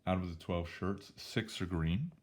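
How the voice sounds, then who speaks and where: A male statistics teacher, hoarse from losing his voice, casually talking through problems step by step in a recorded lesson. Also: low-pitched, unhurried, darkish tone. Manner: casual, chatty, talks through each step. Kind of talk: recorded math lesson walkthrough.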